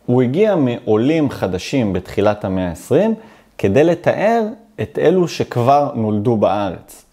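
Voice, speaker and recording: A young man from Israel teaches a Hebrew video lesson, sounding out syllables slowly and with care. His voice sits low and mellow. His pitch swings up and down as he explains. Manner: slow, careful, stresses syllables to show pronunciation.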